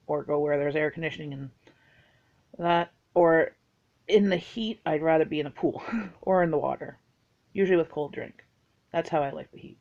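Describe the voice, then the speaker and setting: A woman's voice: sits low, darkish tone. Woman, chatty, rambling, casual vlog talk, muffled lo-fi recording. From Bahamas. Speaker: vlogger. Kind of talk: casual list of personal facts.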